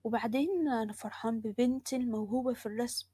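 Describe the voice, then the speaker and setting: A soft-spoken, kindly middle-aged Egyptian father, as a woman storyteller puts him on. His voice sits a little lower than hers, in a dry, close recording. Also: fast talker, breathy edge, no echo. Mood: tender. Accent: Egyptian Arabic.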